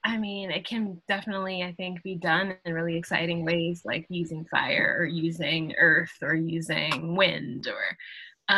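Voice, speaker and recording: A woman playwright in a casual interview, speaking thoughtfully with many pauses and fillers. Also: lowish voice, pushed and bright, dry recording, low-quality recording. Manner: thoughtful, halting, with frequent fillers and laughs. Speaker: guest artist, playwright.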